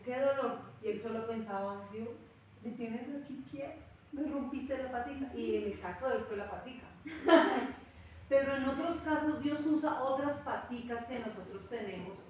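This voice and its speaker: Teaching a Bible class in a sermon-like style, the woman pastor speaks at a moderate pace in a somewhat high voice, bringing stories to life by acting out quoted speech. The recording is dull and very echoey from a distant mic, with a little hiss or hum.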